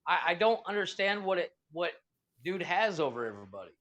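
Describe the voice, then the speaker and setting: Fairly quick and fairly bright, this podcast co-host's voice sits high and swings widely in pitch. He is a native Spanish speaker trading casual, profane banter, laughing and cursing without restraint.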